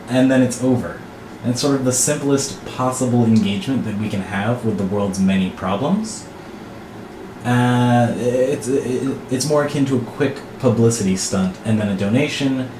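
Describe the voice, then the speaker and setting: A man giving an earnest, reflective monologue to camera in a deliberate way, with phrases that trail off. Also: mid-range voice. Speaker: vlogger. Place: small bathroom, indoors. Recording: echoey bathroom with clear background noise.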